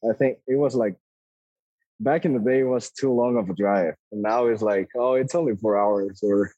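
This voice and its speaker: A man's voice: fairly low pitch, moderate pace, warm tone, slightly rough, no room sound, muffled recording. A man in his twenties from Costa Rica with a Costa Rican Spanish accent, a native Spanish speaker talking easygoingly as an interview guest, often hedging with "like". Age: 20s. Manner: easygoing, laughs often, hedges with like. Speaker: guest, ATV racer. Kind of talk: casual interview.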